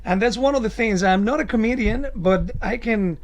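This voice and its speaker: Man, high voice, gravelly creak, cruise director in interview, emphatic, deliberate phrasing. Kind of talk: interview answers.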